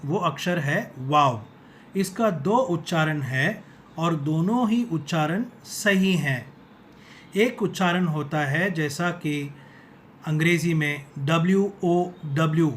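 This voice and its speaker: Man, language teacher, very slow, repeats sounds, slightly high voice. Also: slight background noise. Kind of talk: slow instructional explanation.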